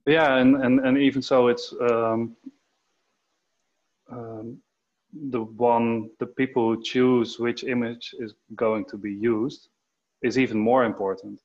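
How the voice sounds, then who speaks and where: A man's voice: medium pitch, level tone, takes it slowly, darkish tone, lo-fi sound. A photographer chatting casually over a video call, hesitant and restarting his sentences often. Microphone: headset.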